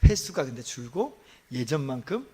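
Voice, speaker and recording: A male pastor preaching a Sunday sermon, telling a story with self-deprecating humor and swinging from soft asides to loud outbursts. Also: mid-range voice, very animated, normal speed, breathy edge.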